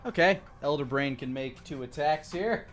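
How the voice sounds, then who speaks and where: A man's voice: a little high, normal speed, soft background music. A man narrating as dungeon master in a live-streamed tabletop game, describing the scene with fillers and restarts.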